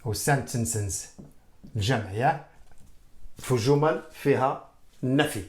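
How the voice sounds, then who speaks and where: A man with a Moroccan Arabic accent teaching beginner English, explaining in Arabic and repeating English example sentences slowly. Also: mid-range voice. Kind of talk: beginner English lesson at a board.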